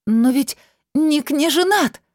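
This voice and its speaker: A woman's voice: lively intonation, a little slow, mellow, breathy edge, no echo, clean studio sound. A woman as a frightened, pleading young heroine. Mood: shouting. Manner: tense, high and pleading.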